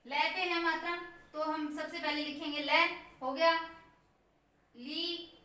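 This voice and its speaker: A woman teaching English pronunciation in Hindi, repeating each word slowly as a drill. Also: sits high, steady tone, bright, forceful tone. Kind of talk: Hindi-language pronunciation lesson. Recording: echoey room from a distance.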